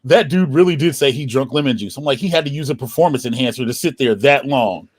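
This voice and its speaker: A man's voice: medium pitch, fast talker. A man on a podcast panel, telling stories casually among friends.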